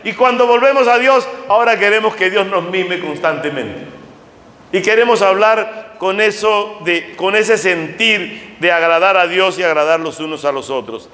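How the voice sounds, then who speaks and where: A man, a pastor preaching a sermon in a church, shifting between slow emphatic lines and quick asides. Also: sits high, bright, forceful tone. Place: church sanctuary. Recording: echoey church hall reverb.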